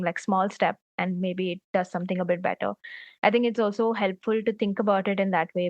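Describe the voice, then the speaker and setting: A woman's voice: medium pitch, dry recording, highs cut off. A young woman speaking as an interview guest, thinking aloud and reflecting, often saying "like". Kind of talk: interview conversation.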